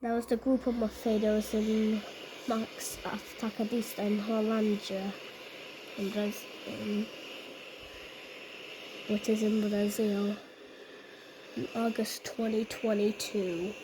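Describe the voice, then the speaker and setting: A woman giving casual vlog commentary in a halting, repetitive way, often restating her phrases. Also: medium pitch, level tone, noisy background. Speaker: video narrator.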